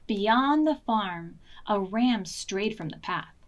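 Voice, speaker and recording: Taking it slowly, a woman with a mid-range voice and lively intonation reads a picture book aloud to preschoolers at a children's library storytime. She adds dramatic emphasis and poses questions to the little ones.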